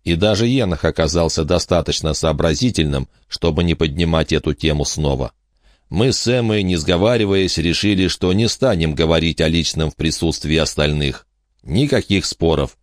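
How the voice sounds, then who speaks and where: Deep-voiced male audiobook narrator. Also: no echo, clean studio sound. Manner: measured storytelling. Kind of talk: first-person scripted narration.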